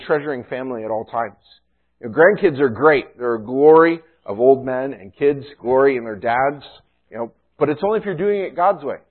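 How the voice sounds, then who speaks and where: Guy preaching a sermon, chatty, keeps saying right? and you know, sounds tinny like a phone. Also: mid-range voice. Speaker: pastor.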